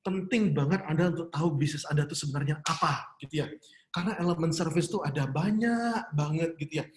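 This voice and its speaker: Man, lively seminar talk, slightly high voice, roomy echo. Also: fast talker, a little hiss or hum. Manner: chatty, laughs often, asks the audience questions. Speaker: business seminar speaker. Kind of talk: online seminar lecture.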